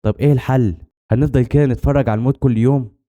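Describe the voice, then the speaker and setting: A frightened young man, voiced by a male storyteller, presses with anxious questions. His voice sits a little higher than the narration but stays dark and clipped. He speaks in a hurried rush. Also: fairly even intonation, natural voice.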